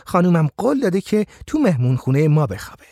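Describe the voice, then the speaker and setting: Guy doing a fussy old lady in a storybook reading, pitched up, very lively swoops. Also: no room sound, clean studio sound. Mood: insistent. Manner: insistent, fussing hostess talk. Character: chatty hospitable old woman.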